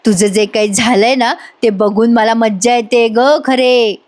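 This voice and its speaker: A woman's voice: a little high, steady tone, unhurried, darkish tone, close to an everyday voice. A woman voicing a smug, childish young husband who gloats and taunts his wife, recapping a TV serial. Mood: taunting.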